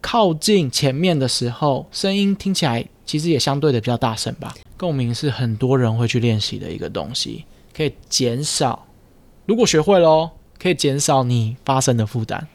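A man's voice: medium pitch, lively intonation, normal speed, no room sound. A man, a speech therapist hosting a casual podcast chat, explaining patiently and teasing his co-host. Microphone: studio mic with headphones.

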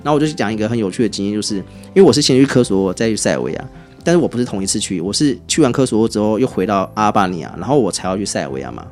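A man with a Taiwanese Mandarin accent, a guest on a podcast, telling travel anecdotes in a chatty, animated way. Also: lowish voice. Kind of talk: casual podcast storytelling.

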